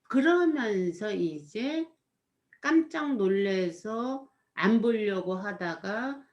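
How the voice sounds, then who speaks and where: A woman's voice: mid-range voice, expressive, drawn-out words, highs cut off. A woman in casual chat, rambling as she recounts something she saw, with frequent filler words and a reflective tone. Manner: rambling, full of "이렇게" fillers. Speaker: storyteller recounting a performance.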